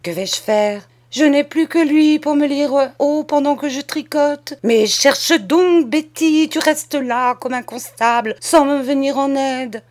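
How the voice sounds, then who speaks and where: A woman reading aloud and voicing a shrill, suspicious old woman who scolds her maid and fears fairies. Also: very animated, normal speed, hardly any pauses, close to an everyday voice. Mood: shrill scolding. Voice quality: sour, shrill.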